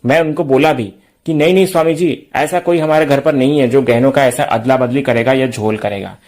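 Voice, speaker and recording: A man's voice: medium pitch, steady tone, fairly quick, darkish tone, close to an everyday voice. A man reading the lines of a young man who fakes a holy trance, in a colloquial, self-assured ramble. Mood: scheming.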